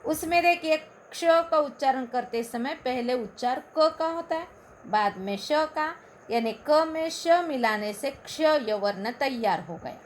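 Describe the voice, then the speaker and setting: A woman schoolteacher with a Marathi accent, a native Marathi speaker, reciting and explaining the letters of the alphabet in a slow, carefully enunciated lesson. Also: sits high, expressive, slight background noise. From Maharashtra, India. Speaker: school Hindi teacher. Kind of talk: recorded lesson.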